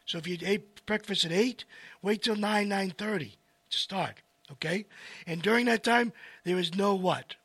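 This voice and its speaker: A man hosting a casual health talk, rambling and speaking straight to his viewers with lively asides. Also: sits high, moderate pace, breathy edge, no room sound. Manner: rambling, addresses folks directly, animated asides. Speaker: host.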